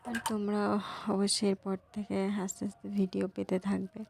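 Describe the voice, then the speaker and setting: A young woman, hoarse from a cold, talking softly to her viewers in a casual vlog. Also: completely flat delivery, brisk. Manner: soft, low-volume talk. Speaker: vlogger.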